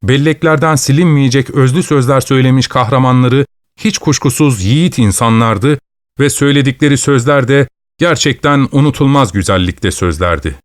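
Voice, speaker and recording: A man reads a classic novel aloud as an audiobook narrator, measured and literary in his storytelling. His voice sits at a middling pitch. The sound is dry and close, with no room around it. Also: no room sound.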